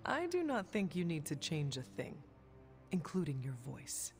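A young demon hunter from a video game, stoic and formal. She speaks with calm composure, with faint music behind her. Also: low voice, moderate pace, heavily acted. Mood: composed. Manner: formal, composed, few contractions.

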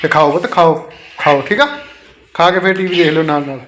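A young man with a fairly high voice runs a casual family vlog. He talks to his little ones in a doting, coaxing tone and keeps asking whether they agree. A faint hiss sits under the voice. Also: a little fast. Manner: coaxing, doting talk to his children, often checking "okay?". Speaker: father and family vlogger.

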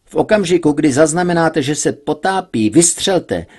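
A man with a husky voice voicing a cold, furious male villain boss who barks orders. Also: on the high side, expressive, darkish tone, voice pushed up. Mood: commanding. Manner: commanding, icy.

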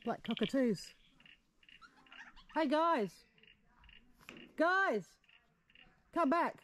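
A woman giving casual, chatty commentary with quick exclamations while out on a walking track, recorded on an action camera. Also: high voice, animated. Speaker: vlogger. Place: outdoors on a bush walking track. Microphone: action camera mic. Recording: outdoor camera recording with clear background noise.

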